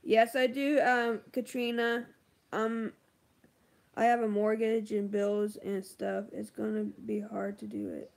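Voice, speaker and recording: A woman's voice: medium pitch, little pitch movement, takes it slowly, creaky. A woman beauty vlogger chatting casually on a livestream, answering viewer comments with lots of ums and likes.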